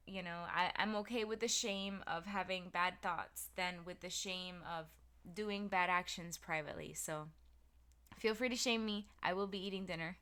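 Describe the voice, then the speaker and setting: A woman's voice: mid-range voice, pushed and bright, clear, resonant tone. A woman streamer chatting casually and earnestly with her chat, full of filler words. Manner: talks straight to chat, filler-heavy, earnest.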